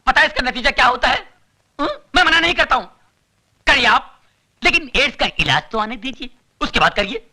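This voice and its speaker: A panicky, blustering comic coward. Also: male voice, very high voice, animated, fairly quick, sharp tone, heavily acted. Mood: preachy, dramatic. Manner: rambling, theatrical, preachy then panicky. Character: cowardly blustering comic man, fast-talking and excitable. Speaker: comic brothel visitor posing as social worker. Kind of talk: 1990s Hindi film comic acting.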